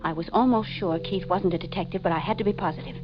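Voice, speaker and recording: Over dramatic music on a muffled 1940s radio recording, a tense, haunted woman tells her own mystery, played by an actress as frightened and desperate. She speaks fast in a low, natural-sounding voice.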